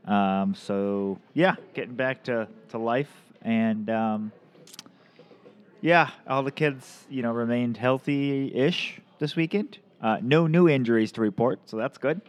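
A man hosts a podcast in a loose, casual chat. He rambles along with frequent ums and restarts. His voice sits at an ordinary middle pitch. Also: slow pace, smooth. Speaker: podcast host.

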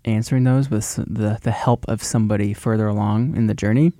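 A man's voice: lowish voice, fairly even intonation, brisk, dark tone, no room sound, studio quality. A man hosting a podcast, speaking earnestly in casual chat and laughing easily. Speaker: podcast host.

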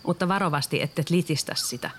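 A small magical fox companion from a children's storybook, voiced by the reader speaks noticeably softer than the narration. It delivers its lines in a dry, understated way. It keeps its wit quiet. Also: medium pitch, slight background noise, natural voice.

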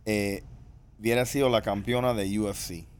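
A man, telling family stories in a casual chat and jumping into high voices to act out the people in them. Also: moderate pace, clean tone. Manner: animated, acts out voices with sudden high pitch.

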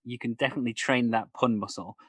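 A man's voice: medium pitch, steady tone, quick pace, fairly bright tone, husky, dry recording. A man hosting a casual interview, chatting and asking questions. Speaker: interview host, improviser.

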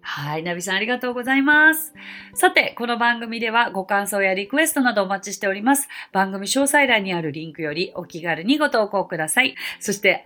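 A woman's voice: mid-range voice, pushed and bright. A woman hosting an English-lesson podcast, reading listener messages in a polite, cheerful way and mixing in spoken English phrases. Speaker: English teacher and podcast host.

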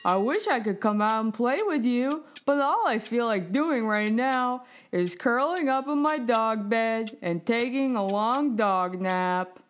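A woman's voice: a little high, animated, unhurried, few pauses. Digger, a sick cartoon dog, voiced by a woman. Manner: cheerful, folksy, polite. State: sick with a cough. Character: sick, bored young male dog. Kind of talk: children's podcast story. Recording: with music behind. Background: background music.

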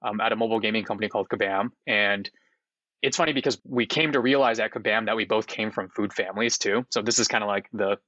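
A man of about thirty, a startup founder, talks in a relaxed, rambling way full of fillers, often laughing as a guest in an interview. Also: fairly low pitch, quick pace, no echo, highs cut off. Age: 30s. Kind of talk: casual interview chat.

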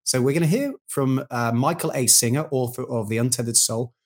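A man's voice: mid-range voice, fairly quick. A man co-hosting a podcast, talking conversationally in long, discursive sentences. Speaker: podcast co-host.

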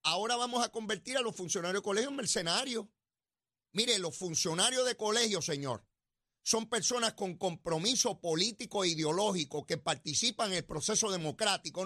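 A middle-aged Puerto Rican man hosts a political talk show in a high, bright voice. He talks in a mocking, animated way. The studio sound is dry and close. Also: dry recording. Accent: Puerto Rican Spanish. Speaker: radio and TV show host.

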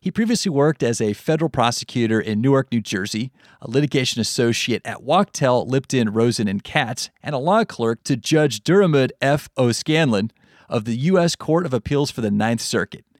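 A man's voice: mid-range voice, expressive, moderate pace, no echo, studio quality. A man with an American accent hosting a podcast from a script. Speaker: stand-in podcast host.

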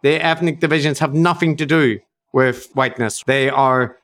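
A man chats on a podcast, mid-pitched and steady. He thinks aloud with plenty of "like" and "you know", and swears casually. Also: normal speed. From Northern Ireland. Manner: thoughtful, many fillers, swears casually. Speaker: podcast co-host. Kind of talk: casual discussion.

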